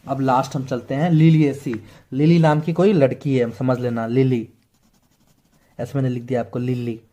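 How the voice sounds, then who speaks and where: A man teaching biology, walking students through memory tricks and repeating each one several times. His voice is mellow and warm, at a middle pitch for a man. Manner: repetitive, drilling mnemonics slowly. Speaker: biology tutor. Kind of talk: Hindi teaching with mnemonics.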